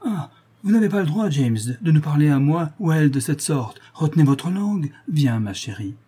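A man's voice: a little high, lively intonation, normal speed, warm tone, breathy edge. A man reading the part of a stern, pompous old nobleman ordering his daughter home, coaxing and commanding by turns.

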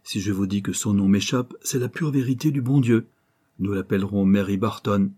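A man's voice: on the low side, moderate pace, dark tone, breathy edge. A man voicing a tall, graying archaeologist who tells a tale in a commanding, storytelling manner. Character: tall weathered graying male archaeologist, authoritative.

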